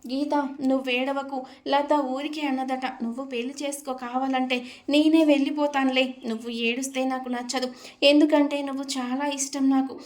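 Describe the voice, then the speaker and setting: A woman's voice: high-pitched, level tone, moderate pace, close to an everyday voice. Jahnavi, a woman voicing a tearful innocent young woman. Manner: weeping, pleading.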